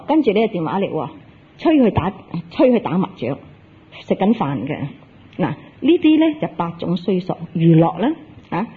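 A Buddhist preacher gives a Dharma talk in a very raspy, husky voice. The delivery is animated, with a pitch that leaps up and down while the teacher acts out dialogue and quizzes the listeners. The sound is thin and tinny, like a lo-fi phone recording. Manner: animated storytelling, acting out dialogue and tossing questions at the audience.

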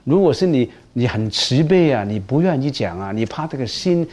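A man's voice: mid-range voice, sing-song, normal speed, a little mellow. A man teaching Buddhist precepts in a dharma lecture, speaking emphatically and often repeating words as he restarts.

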